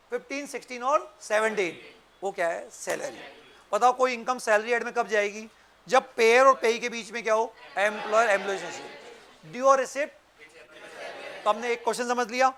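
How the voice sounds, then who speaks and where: Male lecturer, strikingly high and bright voice, teaching through quick-fire questions. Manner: quizzing students with frequent short questions. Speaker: accountancy and tax teacher. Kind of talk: interactive lecture.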